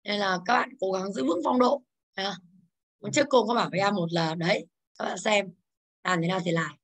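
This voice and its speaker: A woman English teacher in a classroom, drilling her students with quick questions and telling them to speak up. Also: mid-range voice.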